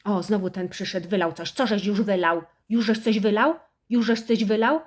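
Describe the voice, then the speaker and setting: Shrill scolding marks this woman's turn as a middle-aged mother who is harsh, self-pitying and obsessed with her house, in a satirical character piece. She nags at a moderate pace, lightly acted.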